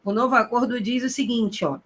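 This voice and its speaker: This recorded grammar lesson for exam preparation features a woman Portuguese teacher whose voice is a little high, a bit bright, and has a breathy edge. Speaking directly to her student, she answers her own rhetorical questions and lingers slowly on key terms.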